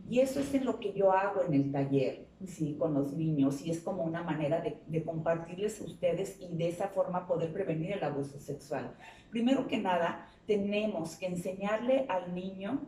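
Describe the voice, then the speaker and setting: A woman's voice: on the low side, moderate pace, dark tone, a little hiss or hum. Earnest woman explaining in a roomy space. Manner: earnest, explanatory, asks rhetorical questions. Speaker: child psychologist guest. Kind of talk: interview on a talk show. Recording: roomy sound from a distance.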